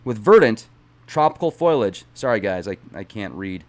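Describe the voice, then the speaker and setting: Streaming to his viewers, a man reads a book aloud dramatically and occasionally breaks off for chatty digressions. His voice sits fairly low, sounds very animated, and keeps a moderate pace.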